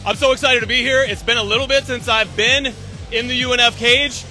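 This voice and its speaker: Very bright, high-pitched man, hyped up. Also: steady tone, a little fast, faint music behind, some chatter behind. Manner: upbeat, projected, hyped. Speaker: ring announcer being interviewed. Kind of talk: enthusiastic event interview. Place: large event hall by a fight cage stage, indoors. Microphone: handheld interview mic held to him.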